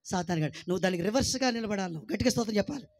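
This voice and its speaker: A man preaching a lively sermon to his congregation, exhorting them with repeated rhetorical questions and calls for praise, and teasing his listeners with jokes. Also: high voice, rapid-fire, no room sound. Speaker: pastor.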